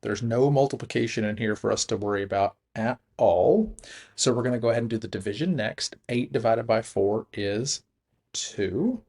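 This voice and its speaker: Relaxed male math teacher explaining steps. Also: lowish voice, normal speed. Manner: relaxed, self-correcting, chuckles at slips. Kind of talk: recorded math lesson.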